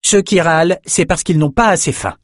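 A man's voice: on the high side, normal speed, dry recording, studio quality, pitched above the performer's own voice, lightly acted. A man voicing a relentlessly optimistic male captain in a fantasy audiobook, cheerful and bossy. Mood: commanding.

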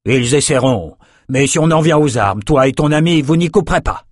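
A man voicing a gruff, demanding older father who scolds his son in a storybook reading. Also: fairly high pitch, expressive, normal speed, no room sound, clean studio sound, pitched above the performer's own voice. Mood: stern. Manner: scolding, insistent.

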